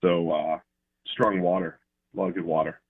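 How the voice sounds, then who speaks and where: A man calling in as a guest football analyst, talking in a relaxed way with many fillers. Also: deep voice, normal speed, slightly rough. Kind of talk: phone-in interview. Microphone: phone. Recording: tinny phone line.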